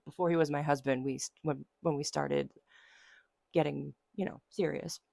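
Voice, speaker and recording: A woman in her thirties, hoarse from a summer cold, chatting casually and rambling as a knitting vlogger. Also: low-pitched, a little mellow, dry recording, studio quality. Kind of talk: casual chat.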